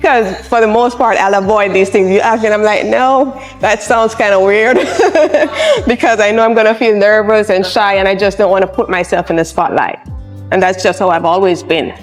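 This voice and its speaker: A woman, a charge nurse speaking in a personal interview in a soft-spoken, reflective, encouraging way. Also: medium pitch, moderate pace. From Jamaica. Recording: soft music underneath.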